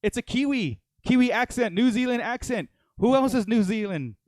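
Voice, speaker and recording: A man's voice: very high-pitched, lively intonation, normal speed, darkish tone, no room sound. A man co-hosting a podcast, chatting casually, rambling and laughing, with lots of fillers. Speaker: podcast co-host. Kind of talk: casual fan chat.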